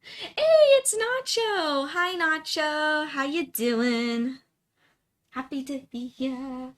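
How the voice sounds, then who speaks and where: A woman's voice: high voice, extremely slow, a bit bright. A woman hosting a painting livestream, chatting casually and informally as she works. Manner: greets viewers by name, informal. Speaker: live stream host, painter.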